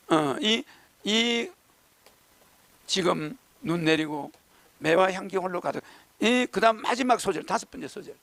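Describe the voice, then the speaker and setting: High gravelly older man lecturing. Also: no echo. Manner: lively, rhetorical questions, acts out crowds and politicians; drawn-out recitation of poetry. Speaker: speaker addressing followers. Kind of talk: lecture to an audience.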